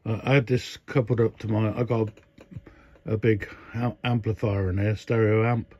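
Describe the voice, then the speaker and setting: An older man casually demos a radio modification at his indoor workbench in a lowish, darkish, slightly rough voice, speaking flatly at a moderate pace. As a hobbyist showing his work, he rambles with many fillers and restarts. It's recorded as dull, dry lo-fi phone audio.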